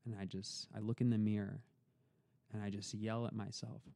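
Speaking as a guest on a podcast, a young man earnestly reflects on his own story in a casual interview, frequently repeating words while collecting his thoughts. He talks at a normal speed in a fairly low, flat, dark voice with vocal fry, and the recording is dry.

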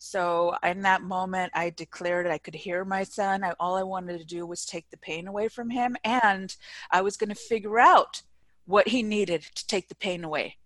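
Middle-aged woman guest, earnest and emphatic, mid-pitched voice, dry close recording. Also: fairly even intonation, normal speed, a bit bright, no echo. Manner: earnest and emphatic, with frequent restarts. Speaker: entrepreneur guest. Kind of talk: personal story in a podcast interview.

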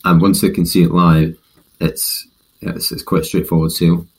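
A man with a Scottish accent, a podcast guest talking about his company in a monotone, halting way with many restarts. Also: low-pitched, gravelly. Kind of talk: casual interview chat.

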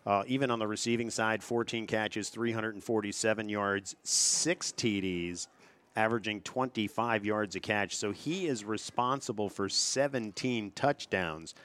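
A man announcing a local high school football broadcast, steadily reading off player names and opponent stats. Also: unhurried, a bit bright. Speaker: play-by-play announcer. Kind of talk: local sports broadcast commentary.

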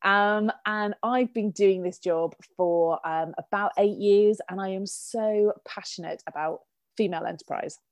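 A British woman, a business coach, talking as a podcast guest over a remote call, with frequent laughs and quick bursts of speech. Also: on the low side, no room sound. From United Kingdom. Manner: warm, laughs often, fast bursts. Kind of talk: casual podcast chat.

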